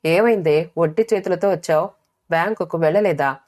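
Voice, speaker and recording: A woman doing a scolding, anxious middle-aged mother for a storybook. She frets over her daughters and her voice sits low but turns shrill and sharp as her temper climbs. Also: a little fast, lightly acted. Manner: scolding, shrill when angry.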